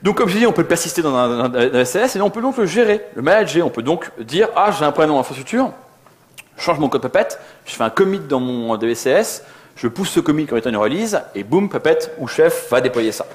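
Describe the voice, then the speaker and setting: This male software developer, a conference co-speaker, gives a casual technical talk full of slang, frequently performing little dialogues. His voice is on the high side, swings widely in pitch, and moves at a fast clip.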